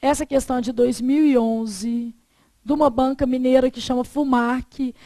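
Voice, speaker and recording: High-pitched woman teaching grammar. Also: fairly even intonation, mellow, dry recording. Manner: poses fill-in questions for students to answer, dictates slowly. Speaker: Portuguese teacher. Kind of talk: classroom grammar lesson.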